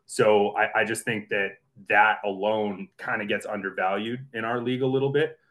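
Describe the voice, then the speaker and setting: Low-pitched man rambling through his points. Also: fairly even intonation, moderate pace, a bit bright. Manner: rambling, stammering restarts. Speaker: podcast panelist. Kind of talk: casual fantasy sports chat.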